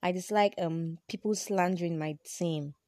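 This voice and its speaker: A woman's voice: lowish voice, normal speed, dark tone, dry recording, studio quality. A woman from Nigeria with a Yoruba accent, chatting casually and playfully as a solo podcast host, with informal Pidgin turns of phrase.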